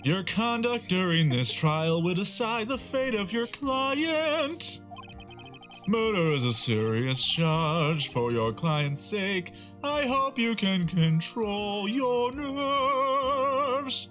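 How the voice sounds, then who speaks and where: A man voicing an old male judge, singing his lines in a high, slow, drawn-out voice. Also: big pitch swings, fairly bright tone, faint music behind, exaggerated voice. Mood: sing-song stern.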